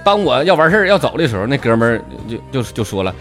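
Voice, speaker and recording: Lively Northeastern Mandarin comedian man. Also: medium pitch, racing, loud music behind the voice. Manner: chatty storyteller with dialect slang. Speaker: stand-up comedian. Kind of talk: comic joke telling.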